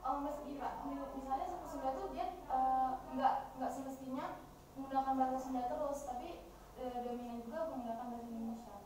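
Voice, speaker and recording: A woman's voice: sits high, steady tone, fast talker. A young woman student explaining her research to a supervisor, hesitant and polite, with many fillers. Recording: very echoey, distant and noisy room recording.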